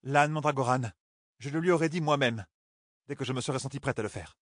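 Audiobook: prickly young healer woman, high and clipped, read by a male narrator. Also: brisk, no room sound, studio quality, lightly acted. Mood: tense. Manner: clipped, insisting, barely holding back anger. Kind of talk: audiobook character voice.

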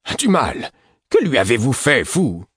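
A man's voice: mid-range voice, huge pitch swings, a little slow, fairly bright tone, husky, no echo, clean studio sound, voice pushed up, full character voice. A man reading the lines of a tense, irritated male companion in an audiobook.

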